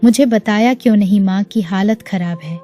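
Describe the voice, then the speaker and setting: A woman's voice: medium pitch, normal speed, dark tone, close to an everyday voice. A woman storyteller voicing a grown elder son who speaks earnestly to his mother and wife. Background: faint music.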